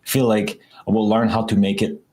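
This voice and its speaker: A man's voice: on the low side, level tone, moderate pace, darkish tone. A man hosting a casual community livestream, chatty and enthusiastic, with frequent restarts and fillers. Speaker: show host.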